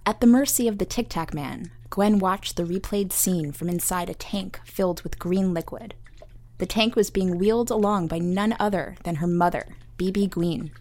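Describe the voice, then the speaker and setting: Woman narrating an audio drama, lowish voice. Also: a little mellow. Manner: measured, storytelling.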